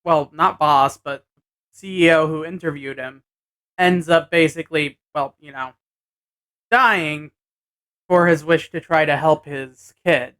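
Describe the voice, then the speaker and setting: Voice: medium pitch, fairly even intonation, measured pace, fairly bright tone, clear, resonant tone. A person giving a casual episode recap vlog, hesitantly thinking aloud as they go. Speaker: anime and tokusatsu episode reviewer.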